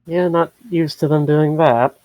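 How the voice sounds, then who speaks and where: A man chatting casually as a player in a tabletop game, talking slowly and laughing easily. His voice is fairly high and the sound is close and dry. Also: steady tone, a little mellow, no echo, poor audio.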